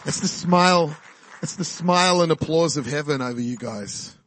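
Speaking at a normal pace, a New Zealand man in his forties has a slightly high, expressive, somewhat bright voice, with a little hiss or hum in the recording. As a guest preacher, he gives an exuberant, chatty sermon and testimony in church, frequently laughing and firing up the congregation.

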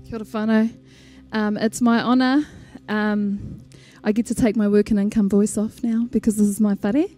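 A woman's voice: mid-range voice, little pitch movement, moderate pace, few pauses, mellow. A woman with a Māori New Zealand English accent gives an informal, heartfelt tribute at church, hesitating and mixing Māori words into her English. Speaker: church member introducing an honoured elder. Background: music behind the voice.

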